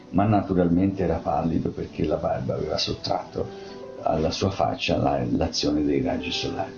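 A man narrating a story aloud in a measured way, with small restarts. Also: extremely low pitch, creaky. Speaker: audiobook narrator. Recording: dull lo-fi audiobook with faint music.

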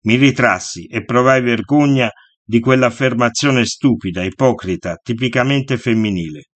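A man reading a first-person novel aloud in a measured, unhurried way. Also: mid-range voice, dry recording. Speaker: audiobook reader.

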